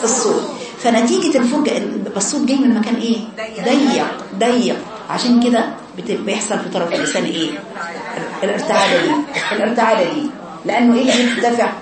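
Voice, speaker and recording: A woman's voice: a little high, expressive, quick pace. A woman with an Egyptian accent teaching Quran recitation to a class of women, explaining step by step and asking her students questions. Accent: Egyptian Arabic. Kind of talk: informal classroom lesson. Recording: distant voice in an echoey room with a crowd. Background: audience of women students.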